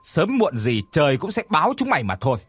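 A man voicing a beaten, defiant young man who answers harshly and fast. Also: on the high side, huge pitch swings, a bit bright, slightly rough, no room sound, soft background music, full character voice. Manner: harsh, rapid, spitting anger.

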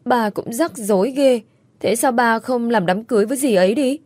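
A woman's voice: medium pitch, lively intonation, normal speed, darkish tone, no room sound, lightly acted. A woman voicing a young female student who speaks earnestly and worries easily. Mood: anxious.

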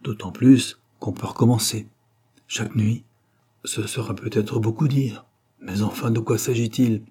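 A sly old bandit with a wheedling, knowing way of talking, as a man reads him in an audiobook. The voice sits low and dark, with a husky edge. He sounds gallant and scheming. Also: steady tone, a little slow.

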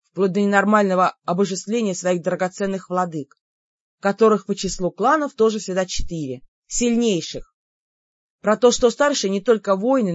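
A woman's voice: medium pitch, no echo, highs cut off. Woman narrating a first-person audiobook.

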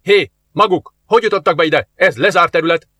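A man reading aloud, voicing a big bald security guard who speaks loud and officious. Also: fairly high pitch, lively intonation, no echo, pitched above the performer's own voice. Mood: stern.

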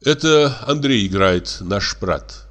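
A man voicing scornful young sister, drawling gossip, lively pitch, audiobook play. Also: slow. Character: sharp-tongued young woman, middle sister.

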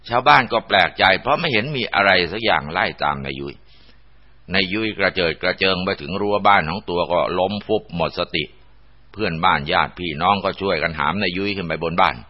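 A man narrating a ghost story in a dramatic, vivid storytelling manner. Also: sits low. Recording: dull lo-fi recording.

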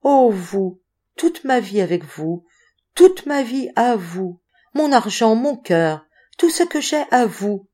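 A woman's voice: a little high, sing-song, slow pace, warm tone, pitched above the performer's own voice, full character voice. A woman reading a feverish lovesick young sailor. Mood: pleading. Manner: breathless, pleading, effusive.

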